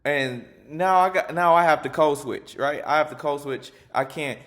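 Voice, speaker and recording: A man's voice: a little high, moderate pace, a bit bright. A man who works as a teacher, giving a passionate, emphatic spoken personal reflection.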